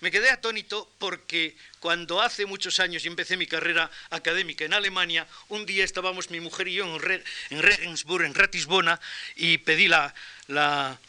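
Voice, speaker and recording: Older Castilian-accented male lecturer, high and very bright voice, measured storytelling delivery. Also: fairly even intonation, clear, resonant tone. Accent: Castilian Spanish. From Spain. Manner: measured, anecdotal, with pauses and restarts. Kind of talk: academic lecture.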